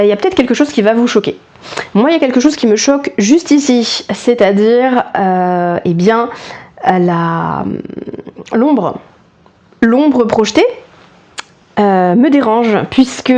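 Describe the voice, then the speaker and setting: Casual woman vlogger, higher register, self-deprecating and talkative, lapel mic at home. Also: a little mellow. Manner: chatty, self-mocking, lots of restarts and fillers. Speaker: cross-stitch vlogger. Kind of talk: casual chat.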